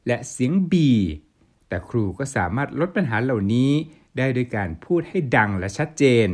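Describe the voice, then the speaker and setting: A man reporting the news, reading a formal script in a polite, measured way as a studio voice-over. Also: medium pitch, big pitch swings. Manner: polite formal delivery with Thai polite particles.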